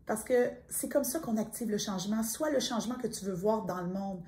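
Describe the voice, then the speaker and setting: A middle-aged woman with a Quebec French accent giving a gentle, intimate spiritual card reading, speaking straight to the listener. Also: mid-range voice, a little fast. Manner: soft-spoken, intimate, addresses listener directly. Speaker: tarot card reader.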